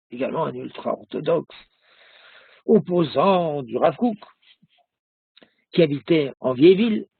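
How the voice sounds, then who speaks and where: A man, a rabbi, giving a recorded religious lesson, telling a story slowly with many hesitations. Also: a little high, gravelly, breathy edge, no room sound, phone-quality sound. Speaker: rabbi teaching a class.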